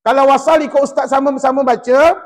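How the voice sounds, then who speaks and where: A man with a Malaysian Malay accent teaching Quran recitation in a mosque class, drilling and correcting students in a lively, teasing way. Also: extremely high pitch, a little fast, long reverb tail.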